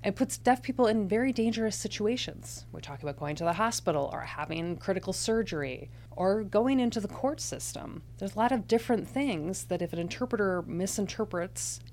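A woman's voice: medium pitch, animated, fairly quick, hardly any pauses, darkish tone, slight background noise. Woman as a live sign language interpreter. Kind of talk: live interpreter voice, voicing deaf speakers' signing aloud in first person.

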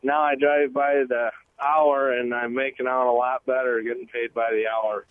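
A man's voice: medium pitch, level tone, moderate pace. A man calling into a radio show over the phone, a truck driver talking in a plain, matter-of-fact way. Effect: radio show caller on a phone line. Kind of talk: casual call-in chat. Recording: tinny phone line.

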